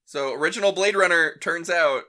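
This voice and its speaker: Bright-voiced young man hosting a podcast. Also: fairly high pitch, normal speed. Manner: chatty, swears freely. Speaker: podcast host. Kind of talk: casual podcast chat.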